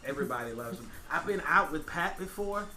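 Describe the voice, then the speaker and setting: A man hosting a podcast in casual chat, an animated storyteller who hypes things up and repeats his phrases. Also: fairly high pitch, brisk, faint music behind. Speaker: podcast host. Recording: echoey room.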